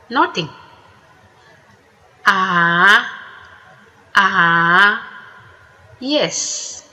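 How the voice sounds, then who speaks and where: A woman teaching a language lesson, saying each word slowly and deliberately and repeating it twice before explaining it. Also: medium pitch, pushed and bright. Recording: echoey room with long reverb.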